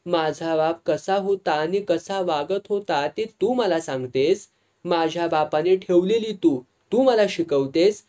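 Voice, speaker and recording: A proud, hot-tempered young village man from a storybook reading snaps back with a Malvani accent, as a reader puts him on. He is defiant, and his voice is warm and dark. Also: mid-range voice, a little slow, close to an everyday voice.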